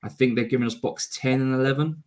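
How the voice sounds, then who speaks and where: A man's voice: mid-range voice, fast talker, darkish tone. A man appearing as a guest to explain a charity event in an earnest, enthusiastic way. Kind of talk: casual interview.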